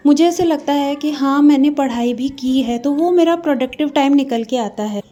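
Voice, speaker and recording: A woman's voice: sits high, moderate pace, warm tone, lo-fi sound, faint music behind. A young woman talking casually to her viewers about her study routine as a mother, chatty and full of small hesitations. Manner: chatty, addresses viewers as friends, frequent hesitations. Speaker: vlogger studying for an exam while raising a child.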